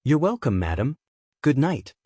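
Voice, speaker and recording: A man's voice: mid-range voice, sing-song, normal speed, warm tone, no room sound, clean studio sound. A man voicing a polite male hotel waiter who speaks hesitantly.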